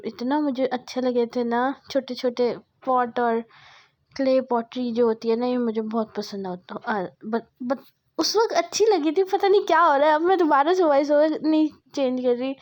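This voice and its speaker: Young woman vlogger, relaxed voice-over, slightly high voice, talks in loose self-correcting asides. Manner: chatty, self-correcting, rambling. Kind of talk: casual vlog voice-over.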